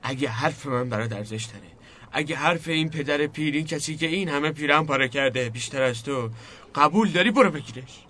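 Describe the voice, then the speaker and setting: A stern old father, barks orders and scolds his son in a gruff, commanding way. His voice is bright and cutting and sits somewhat high. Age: older. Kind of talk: comedic TV drama acting.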